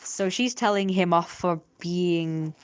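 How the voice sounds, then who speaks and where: This streamer is a woman drawing live and chatting loosely as she works, wandering from topic to topic and putting herself down. Her voice is fairly low in pitch and her pace is slow.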